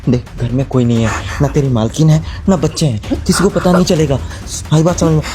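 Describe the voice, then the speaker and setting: An actor playing a lecherous husband who coaxes slyly and turns blustering and defensive when caught, in a melodrama. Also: male voice, fairly high pitch, brisk, close to an everyday voice. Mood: coaxing, sleazy. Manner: coaxing, then blustering and defensive. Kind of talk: social-media melodrama acting.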